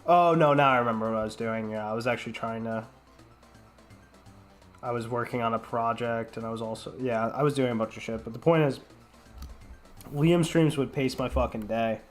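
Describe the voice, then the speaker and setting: A man's voice: mid-range voice, normal speed, long pauses, faint music behind. Sick young man rambling casually. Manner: rambling, heavy filler words, profane. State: sick, congested. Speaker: streamer. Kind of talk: casual rambling stream chat.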